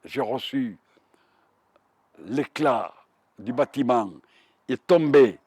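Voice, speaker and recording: A man's voice: medium pitch, takes it slowly, darkish tone, breathy edge, no echo. A man in his nineties with a Marseille accent, telling his wartime memories vividly, with frequent repetitions. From Provence, France. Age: 90s. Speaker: war veteran witness. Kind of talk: oral history testimony.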